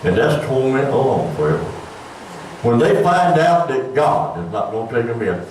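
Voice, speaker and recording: Older preacher in an echoey hall. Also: male voice, mid-range voice, big pitch swings, moderate pace, darkish tone. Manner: folksy, conversational preaching with rising emphatic bursts. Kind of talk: sermon. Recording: echoey church room from far off, faint room noise.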